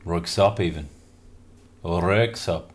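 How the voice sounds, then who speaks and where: A deep-voiced man hosts a radio show at a slow pace, chatting and joking casually between tracks. He rambles along in a jokey, chatty way, packing his talk with fillers.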